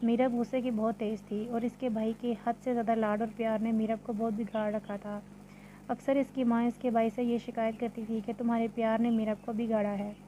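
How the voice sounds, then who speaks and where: A woman narrating a novel in a steady, measured storytelling manner. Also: fairly high pitch, a little hiss or hum, rough recording. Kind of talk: novel reading.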